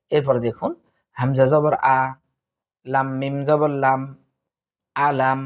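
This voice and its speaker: A man with a Bangladeshi Bengali accent teaching Quran recitation, chanting verses slowly and spelling out letters syllable by syllable. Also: mid-range voice. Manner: slow, drawn-out melodic recitation; patient step-by-step teaching, repeating syllables.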